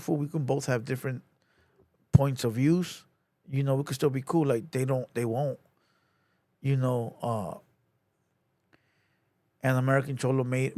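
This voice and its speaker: A man's voice: medium pitch, a little mellow, dry recording. Casual male streamer, easygoing slang, dead-dry close sound. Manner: laid-back slang, lots of "you know" and "bro". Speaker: livestream host. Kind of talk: casual livestream commentary.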